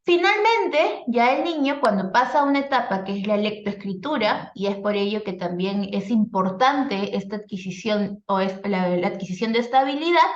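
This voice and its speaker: A woman's voice: mid-range voice, expressive, normal speed, hardly any pauses. A woman, a speech therapist, giving a live online workshop in an explanatory teaching style, often checking in with "no?" and filler sounds. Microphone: video call. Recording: echoey lo-fi video call audio.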